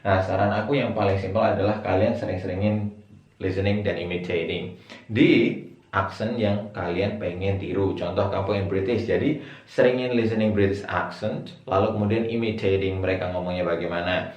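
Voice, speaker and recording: Deep-voiced man giving a chatty lesson. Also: fairly even intonation, darkish tone. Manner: chatty, repeats example words slowly. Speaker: English teacher. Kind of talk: casual online pronunciation lesson. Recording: echoey room, mic far off, dull sound.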